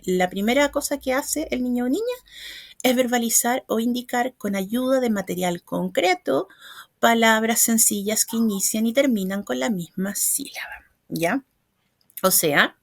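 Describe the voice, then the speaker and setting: A woman's voice: medium pitch, creaky, dry recording, clean studio sound. A woman, giving an explanatory lecture as a trainer and checking in with her listeners after each step. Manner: explains step by step, often checking understanding with short tag questions. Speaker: educational trainer.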